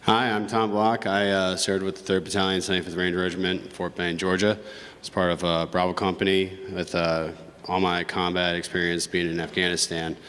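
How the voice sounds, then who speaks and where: A man from Minnesota, a veteran, introducing himself in a halting way with fillers between phrases. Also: low voice, flat delivery, a bit bright, smooth. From Minnesota, USA. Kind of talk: spoken self-introduction. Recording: long reverb in a large room.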